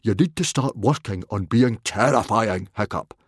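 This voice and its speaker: A man voicing a huge, boisterous, dim-witted Viking chief and father in a children's audiobook, with a booming, husky, blustering delivery. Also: moderate pace, no echo, studio quality. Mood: hearty, urging. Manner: roaring, bellowing, blustering.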